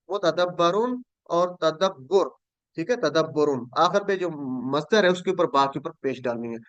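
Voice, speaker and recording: A man teaching an online class, patiently drilling verb forms, repeating each word slowly and correcting students. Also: high-pitched, a bit bright, no room sound, highs cut off. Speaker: Quran Arabic teacher.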